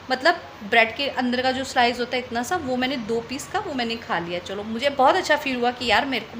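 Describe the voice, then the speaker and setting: A woman's voice: on the high side, a bit bright, slight background noise. A young woman from Delhi telling a personal story on her vlog in a chatty way, often repeating phrases for emphasis. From Delhi, India. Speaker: vlogger.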